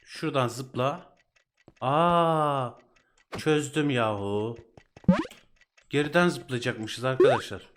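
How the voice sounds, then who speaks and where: At a slow pace with long pauses, his mid-range voice competes with background noise and loud game music. The young gaming channel host, Turkish-accented, gives casual let's-play commentary punctuated by frustrated exclamations and outbursts.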